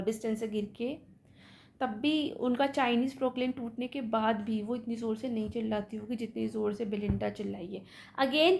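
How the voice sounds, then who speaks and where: Young woman lecturing on a poem, slow and gravelly, a bit high voice. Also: darkish tone, a little hiss or hum. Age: young adult. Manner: slow, deliberate reading of verse, quick asides. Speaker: literature teacher. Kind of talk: lecture mixing English and Hindi.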